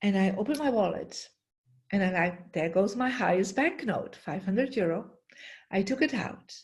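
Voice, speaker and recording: A woman's voice: medium pitch, animated, moderate pace. A middle-aged woman telling a story while teaching an online master class, often checking in with the audience by asking "yeah?". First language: Dutch. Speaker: feng shui teacher.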